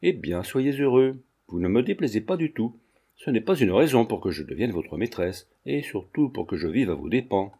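A man reading the lines of a poised, sharp-tongued countess, cool and guarded. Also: fairly low pitch, very animated, normal speed, husky, full character voice.

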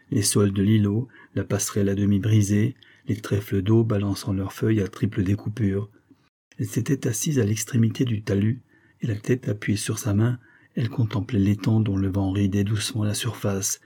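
A man reading a French novel aloud as the narrator, in a measured storytelling manner. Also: lowish voice, steady tone, dark tone, husky. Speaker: audiobook reader. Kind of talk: literary narration.

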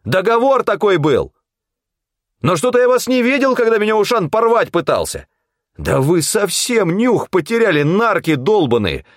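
A man playing a gruff, threatening hunter. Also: mid-range voice, sing-song, normal speed, no echo, clean studio sound, voice pushed up. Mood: harsh, angry. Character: tough cynical scavenger hunter man, hard and threatening.

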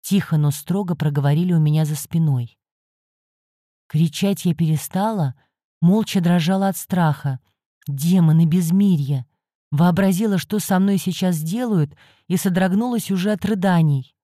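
A woman reading a first-person story as an audiobook narrator, measured and steady. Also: fairly low pitch, no echo, clean studio sound.

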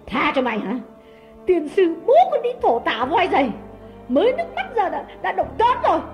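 A man voicing a jealous, abusive woman who shrieks threats at her maid in a high falsetto. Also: sing-song, normal speed, soft background music, exaggerated voice. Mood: contemptuous. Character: harsh shrill jealous mistress, middle-aged woman.

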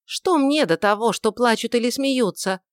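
A woman voicing a proud, quick-tempered young beauty who talks in a mocking, defiant way, on a dry recording. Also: a little high, lively intonation, no room sound, pitched above the performer's own voice, natural voice. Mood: scornful.

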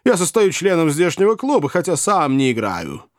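A man voicing a blunt, gruff older country host who speaks brusquely. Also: on the high side, huge pitch swings, no echo, studio quality, pitched above the performer's own voice. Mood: hearty. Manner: brusque, quick.

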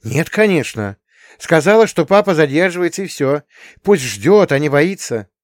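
A man's voice: a little high, very animated, moderate pace, dry recording, studio quality, pitched above the performer's own voice. A man reading an audiobook and voicing an impulsive, heartfelt woman friend. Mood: earnest.

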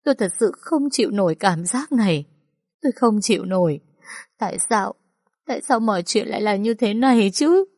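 A woman's voice: low voice, lively intonation, darkish tone, breathy edge. A woman voicing a shaken middle-aged mother. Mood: distraught. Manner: halting, sobbing, cold yet caring.

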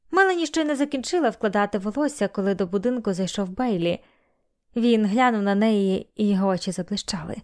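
A woman reading a romance novel aloud in steady scripted narration. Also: mid-range voice. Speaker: audiobook narrator.

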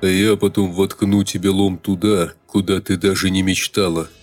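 A man's voice: sits low, little pitch movement, slow, soft background music. A male narrator voicing a huge, menacing fighter who growls threats with contempt.

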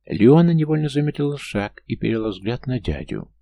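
A man narrating an audiobook in a steady storytelling manner. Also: medium pitch, fairly quick, vocal fry, no echo.

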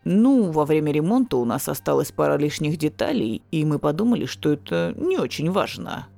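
A woman's voice: low-pitched, big pitch swings, normal speed, vocal fry, dark tone, faint music behind, exaggerated voice. A woman voicing a sheepish man who owns a castle and makes excuses. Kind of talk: audiobook character voice.

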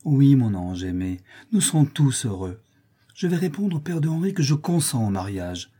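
A man's voice: fairly low pitch, normal speed, mellow, slightly rough. A man reading an audiobook, voicing a loving prince and father who speaks with fervent tenderness. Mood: joyful.

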